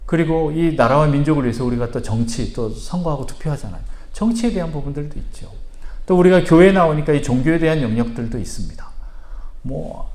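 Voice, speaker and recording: A man preaching as a pastor, moving from calm teaching to loud, fervent prayer, in a church with guitar music behind him. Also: medium pitch. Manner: calm teaching, then shouted impassioned prayer. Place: church sanctuary. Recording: roomy church sound with guitar.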